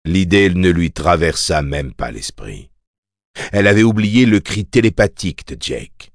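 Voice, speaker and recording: A man narrating an audiobook in a measured, steady reading voice. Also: low-pitched, no echo, clean studio sound. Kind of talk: scripted narration.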